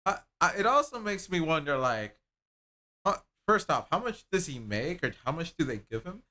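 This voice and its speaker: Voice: mid-range voice, big pitch swings, normal speed, pushed and bright. A streamer chatting casually and laughing while playing a game on a live stream, rambling with restarts.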